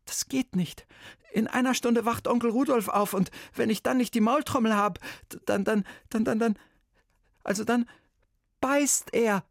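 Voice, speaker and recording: Man doing a high, flustered stammering boy vampire for an audiobook. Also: normal speed, vocal fry, dry recording, clean studio sound. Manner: stammers and repeats words. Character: nervous stuttering boy vampire.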